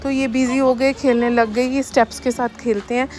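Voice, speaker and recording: A young woman narrates her family's day in a rapid, chatty voice-over, talking straight to her viewers. Her voice sits a little high. Soft music plays quietly under her words. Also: flat delivery. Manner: fast, chatty, addresses viewers directly. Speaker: family vlogger. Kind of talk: casual voice-over narration of daily life. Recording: voice-over with faint background music.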